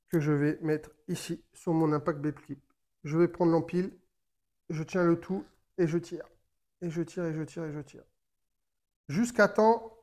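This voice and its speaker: A man giving a casual how-to explanation of a fishing rig, talking while he works with his hands and pausing often with fillers and restarts. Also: fairly high pitch. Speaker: fishing tutorial maker.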